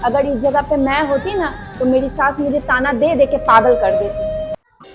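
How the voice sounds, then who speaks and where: A woman playing a jealous married young sister-in-law who talks loudly and sarcastically in a family skit. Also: high-pitched, sing-song, measured pace, loud music behind the voice. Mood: taunting. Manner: loud, sarcastic and nagging.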